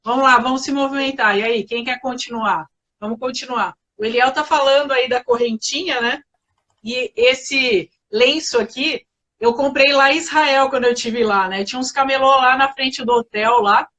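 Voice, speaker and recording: Brazilian lady hosting a live, brisk, bright sharp voice, cheering viewers on. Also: high voice. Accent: Brazilian Portuguese. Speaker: host.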